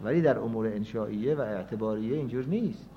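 A man's voice: on the low side, a little hiss or hum. Man lecturing on dull lo-fi audio. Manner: reasoning aloud, shifting between quiet and emphatic. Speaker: seminary teacher. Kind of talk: scholarly jurisprudence lecture.

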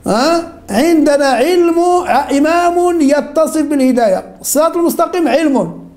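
A woman's voice: high voice, animated, moderate pace, a little mellow. A woman teaching a religion class, repeating questions over and over and calling on her students to answer. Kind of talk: interactive class lesson.

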